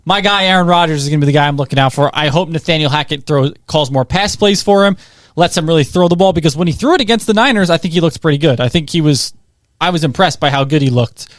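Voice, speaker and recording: Brief: young male co-host, rapid excitable chatter, slightly high voice, dry close sound. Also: dry recording. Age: young adult. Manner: excitable, rambling, lots of "like" and "I think". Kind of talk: casual sports podcast chat.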